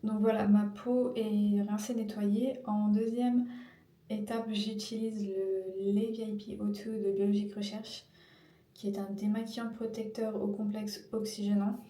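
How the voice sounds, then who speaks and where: A beauty vlogger in her thirties gives a casual skincare tutorial, hesitating and using many fillers as she searches for words. Her mid-range voice is level, mellow and a little slow, recorded from a distance in an echoey room with music behind.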